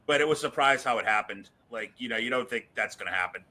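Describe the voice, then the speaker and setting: A man's voice: mid-range voice, fast talker, sharp tone, poor audio. A man from the Boston area, a guest in an interview, telling his story frankly and chattily and laughing through anecdotes. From Boston area, USA. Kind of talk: casual conversational storytelling.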